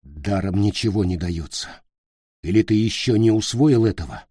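Cold, contemptuous young leader, barks his lines, as a male reader puts him on, dark low tone. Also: moderate pace, breathy edge, dry recording, clean studio sound. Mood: bitter. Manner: harsh, contemptuous, barking. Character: furious young male leader turned killer.

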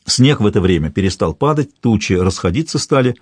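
A man narrating a historical novel in steady scripted storytelling. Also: fairly low pitch, a little fast, slightly rough, dry recording, clean studio sound. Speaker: audiobook narrator.

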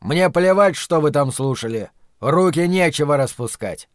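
A man's voice: fairly high pitch, lively intonation, normal speed, no room sound, studio quality, close to an everyday voice. A man voicing a stern young police officer who speaks in clipped orders.

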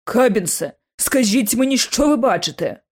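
A woman's voice: on the high side, big pitch swings, normal speed, husky. A cold, commanding man of learning who snaps out his orders with no patience at all, as a woman narrator voices him. His tone stays clipped and eager. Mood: impatient. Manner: impatient, commanding. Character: scheming eccentric male scholar, cold and impatient.

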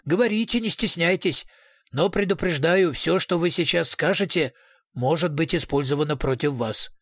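A sly, brutal police investigator in an audiobook, mock-polite one moment and snarling the next, as a male narrator voices him. The voice sits a little high and sounds close and dry. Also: normal speed, fairly bright tone, dry recording. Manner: swings between sugary politeness and snarling.

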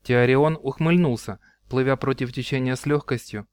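A man's voice: medium pitch, normal speed, dry recording. A man reading a fantasy novel aloud as the narrator. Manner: even, clear storytelling. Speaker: audiobook narrator. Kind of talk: scripted narration.

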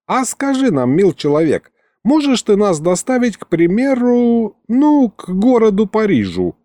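Man putting on a gruff old granddad. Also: high-pitched, wildly swooping pitch, measured pace, mellow, no room sound, studio quality, pitched above the performer's own voice, heavily acted. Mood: coaxing. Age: older. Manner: gruff, folksy, scolding.

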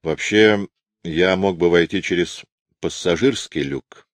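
A man voicing a calm, quietly amused spaceship captain who speaks pensively. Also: deep voice, slow, no echo.

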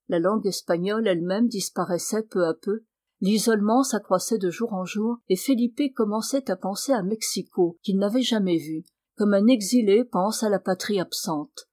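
A woman reading a novel aloud in a measured, expressive storytelling voice. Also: medium pitch, dry recording. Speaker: audiobook reader.

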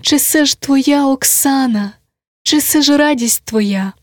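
A woman's voice: high voice, slow, no echo, studio quality, pitched above the performer's own voice. A woman voicing a desperate, heartbroken young village girl who laments and pleads on the edge of tears in an audiobook reading. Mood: despairing.

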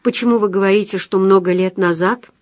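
A bashful young man in his twenties, halting and flustered, as read by a woman narrator. The reading is close and dry, in a middle pitch. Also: expressive, no echo. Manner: hesitant and flustered.

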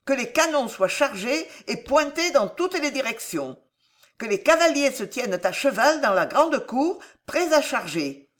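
A woman's voice: high voice, very animated, unhurried, a bit bright, voice pushed up, exaggerated voice. A woman reading an audiobook, voicing an imperious aging queen who gives ruthless orders in an emphatic, commanding way. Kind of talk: audiobook character voice.

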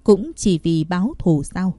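A woman's voice: on the low side, very animated, unhurried, mellow, no echo. A woman voicing a stern male head of a cultivation academy who speaks curtly, read from a storybook. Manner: curt and stern.

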